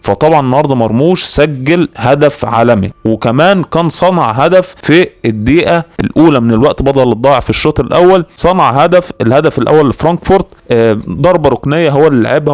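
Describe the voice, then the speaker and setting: Male Egyptian football video host, informal, quick delivery, dry close sound. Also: medium pitch, a little mellow, dry recording. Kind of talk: informal sports commentary voice-over.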